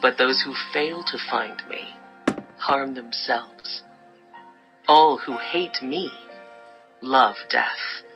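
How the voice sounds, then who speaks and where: A woman playing a solemn, stately female personification of wisdom in a dramatized audio Bible, with measured delivery. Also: very deep voice, heavily acted, low-quality recording. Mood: solemn warning. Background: music bed.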